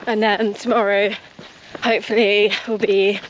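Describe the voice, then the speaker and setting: A British woman vlogs casually as she jogs along outdoor paths. Her voice sits at a middle pitch and she chats informally as a runner talking to camera. Clear outdoor noise runs behind her. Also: level tone, a little slow, dull audio. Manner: talking while out jogging. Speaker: running vlogger. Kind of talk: casual vlog chat to camera. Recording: noisy outdoor ambience.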